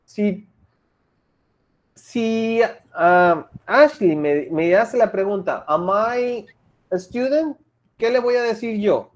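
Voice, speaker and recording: A woman's voice: mid-range voice, lively intonation, slow pace. A woman teaching an English class online, explaining patiently step by step and mixing English example sentences into her talk.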